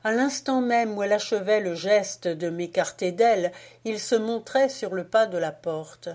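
A woman reading a literary audiobook in a measured, expressive way. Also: mid-range voice. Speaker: audiobook reader.

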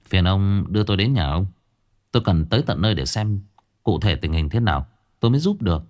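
A man voicing a calm, stern young male exorcist who speaks in a cool, measured way. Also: sits low.

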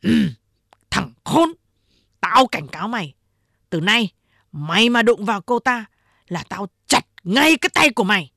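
A woman's voice: mid-range voice, animated, measured pace, long pauses, a bit bright, dry recording, studio quality, exaggerated voice. A woman voicing a crude, bullying gang boss man who threatens and swears. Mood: angry. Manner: gruff, bullying.

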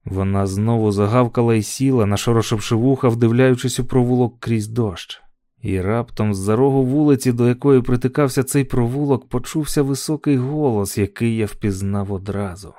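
A man narrating an audiobook story in a measured, calm telling. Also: medium pitch, no echo, clean studio sound.

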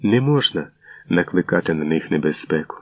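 Deep-voiced man reading dramatically. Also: normal speed, breathy edge, no echo. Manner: expressive, dramatic delivery. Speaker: audiobook reader. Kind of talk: dramatic literary narration. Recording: dull, dry recording.

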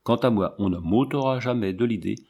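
A level-headed male circus hand, as a narrator puts him on talks bluntly and with resignation. His voice sits somewhat low and subdued. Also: brisk, dark tone. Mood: resigned.

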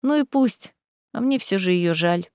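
A woman's voice: medium pitch, expressive, unhurried, darkish tone, clean tone, no room sound, studio quality. Liza, a woman reading a cheeky young witch. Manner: cheeky, frank.

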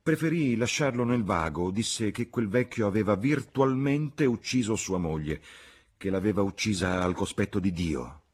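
A man reading an audiobook, voicing an outspoken, indignant young woman in a raised, husky voice. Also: on the low side, animated, normal speed, a little mellow, voice pushed up. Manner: heated, emphatic.

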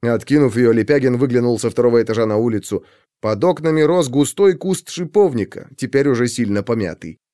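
A man narrating a crime story as a scripted audiobook, in an expressive, dramatic way. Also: medium pitch, fairly quick, no echo, studio quality.

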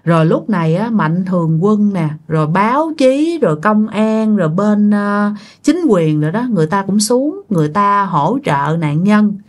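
A woman's voice: mid-range voice, expressive, moderate pace. A woman telling a ghost story in a chatty way, often speaking straight to her listeners. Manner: chatty, addresses listeners directly.

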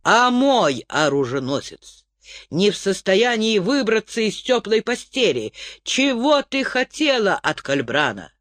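A man's voice: high voice, very animated, measured pace, a bit bright, no echo, studio quality, pitched above the performer's own voice, heavily acted. A man doing an angry young knight brother. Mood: furious. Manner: harsh, accusing, scolding.

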